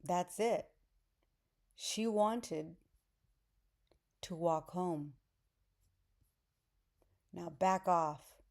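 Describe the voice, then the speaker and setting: Woman reading as a guarded young guy in a storybook, short clipped answers, low and super slow. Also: creaky, darkish tone, heavily acted. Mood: curt. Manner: short, brushing off questions. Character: curt defensive young man, boss.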